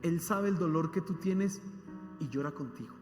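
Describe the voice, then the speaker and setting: A man with a high voice preaches a sermon, pressing his points with questions he asks his church. The sound is roomy, with a long hall reverb carrying every word. Soft music plays faintly underneath. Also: normal speed. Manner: emphatic, asks the congregation rhetorical questions. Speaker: pastor.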